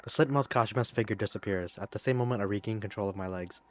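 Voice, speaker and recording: A man playing a horror video game, reading the narration aloud in a low-key way with casual comments in between. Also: fast. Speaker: let's play gamer.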